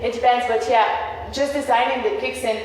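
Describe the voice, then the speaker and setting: A woman's voice: on the high side, fairly even intonation, normal speed. A young woman, a music producer talking earnestly and reflectively as an interview guest. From Lebanon. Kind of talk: casual interview chat. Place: Beirut. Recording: echoey hall, voice from far off.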